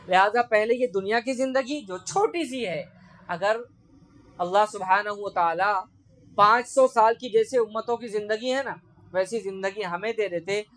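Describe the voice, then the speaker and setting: A male preacher delivering a sermon to an assembled audience. He keeps turning to his listeners with rhetorical questions. He recites Arabic sayings at a slower pace, then explains them in plain speech. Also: very high-pitched, fairly bright tone. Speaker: Islamic preacher. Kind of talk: sermon to a gathering.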